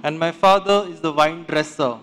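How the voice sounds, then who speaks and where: High-voiced priest with cathedral echo. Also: male voice, steady tone, fairly quick, fairly bright tone, clear, resonant tone. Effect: long cathedral echo. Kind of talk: reading the Gospel and preaching at Mass. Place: large church. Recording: long church reverb.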